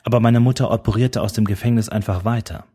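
A man's voice: on the low side, steady tone, fast talker, mellow, husky. A man reading an audiobook who voices a cheeky, brash young woman with mocking sass. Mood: sad. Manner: mocking, gum-chewing sass. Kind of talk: audiobook character voice.

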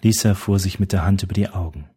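A man narrating an audiobook in a steady, even storytelling manner. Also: sits low, fast talker, husky.

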